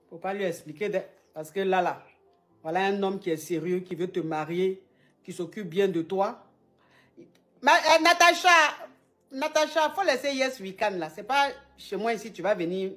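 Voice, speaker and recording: A woman's voice: on the low side, a little mellow. A woman hosting an advice show, talking casually and teasingly with a caller and repeating her phrases. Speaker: advice show host, relationship coach.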